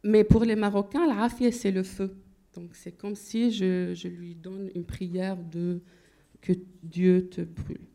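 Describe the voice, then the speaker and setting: Gravelly-voiced woman lecturing on linguistics. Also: mid-range voice, level tone, measured pace, mellow. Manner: explanatory, thinks aloud while searching for terms.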